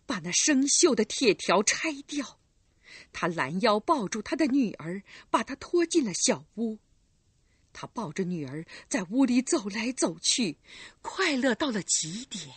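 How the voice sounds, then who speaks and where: Slow expressive woman audiobook narrator. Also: mid-range voice, husky, dry recording.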